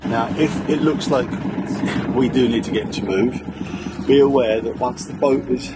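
A middle-aged man on a sailboat, calmly explaining anchoring and navigation step by step. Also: mid-range voice, moderate pace. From United Kingdom. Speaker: sailing vlogger, skipper. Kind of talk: casual instructive talk on deck. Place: outdoors on a sailboat at sea. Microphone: camera mic. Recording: loud wind and boat noise.

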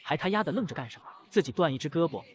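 A man's voice: on the high side, lively intonation, racing, natural voice. A man voicing a frightened, whiny rich young man in a comic retelling. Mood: panicky.

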